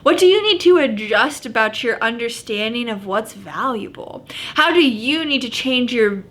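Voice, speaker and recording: A woman's voice: fairly high pitch, animated, normal speed, a bit bright. A woman preaching as an upbeat youth pastor, teaching in a casual, conversational way with earnest encouragement and plenty of informal filler words. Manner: casual, youthful phrasing with frequent "like".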